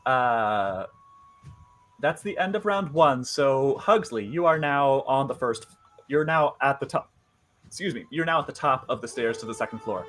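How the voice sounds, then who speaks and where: A man's voice: medium pitch, animated, normal speed, fairly bright tone, soft background music. A man running a tabletop horror game as game master, chatty, with lots of fillers and frequent laughter.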